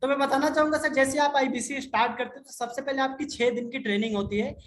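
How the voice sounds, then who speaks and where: A man, a business consultant, answering viewer questions in an insistent, repetitive sales pitch and often calling the listener sir. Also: steady tone, quick pace, fairly bright tone. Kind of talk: persuasive sales talk in a live Q&A. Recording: echoey room with faint noise.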